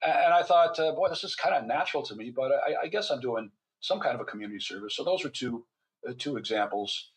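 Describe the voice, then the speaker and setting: On a laid-back podcast, an older doctor who also writes books talks animatedly and at a quick clip, telling stories with wry asides. He restarts frequently, his pitch sits in the middle, and the recording is rough.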